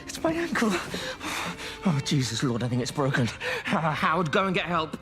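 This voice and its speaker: Pained priest with a broken bone, high-voiced. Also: male voice, wildly swooping pitch, moderate pace. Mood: pained pleading. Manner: pained, gasping speech of someone with a broken bone. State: in pain. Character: injured priest with a broken ankle, pleading. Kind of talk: video game drama acting.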